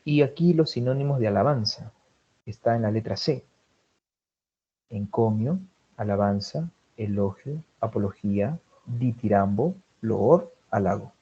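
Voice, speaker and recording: A man's voice: lowish voice, unhurried, dark tone, slightly rough, muffled recording. A man with a Peruvian Spanish accent teaching a vocabulary class, listing synonyms and checking in with his students. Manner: drills vocabulary lists, checks in with students often. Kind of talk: online class lecture.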